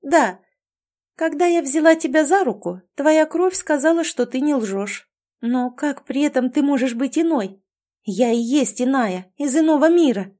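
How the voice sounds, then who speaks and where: A woman reading an audiobook, voicing a young witch girl who is suspicious, excitable and insistent. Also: high voice, measured pace, voice pushed up. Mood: earnest. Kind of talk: audiobook character voice.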